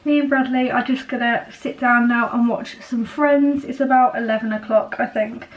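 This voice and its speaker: A woman in her twenties chatting casually to her camera at home, rambling a little and filling pauses with ums. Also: fairly high pitch, steady tone, low-quality recording. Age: 20s. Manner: chatty, rambling, many fillers. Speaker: vlogger. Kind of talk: casual vlog chat. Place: at home, indoors. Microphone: camera on a small tripod.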